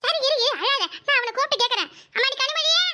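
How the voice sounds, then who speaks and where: Older mother-in-law, very high cartoon voice, voiced by a woman. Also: quick pace, bright, forceful tone, exaggerated voice. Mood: scolding.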